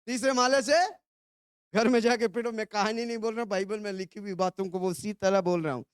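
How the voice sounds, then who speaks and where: A high-pitched man from India preaching, leading his listeners in call and response. He keeps urging them to shout phrases back and breaks into hallelujahs. The sound is close and dry. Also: steady tone, fairly quick, clear, resonant tone, dry recording. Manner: urges the congregation to repeat phrases, shouting hallelujahs.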